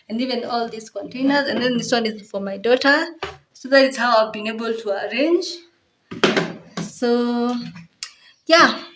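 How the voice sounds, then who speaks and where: A woman vlogger with a Kenyan accent and a slightly high, fairly bright voice gives a casual home tour, explaining things step by step and repeating her phrases along the way. There's slight background noise.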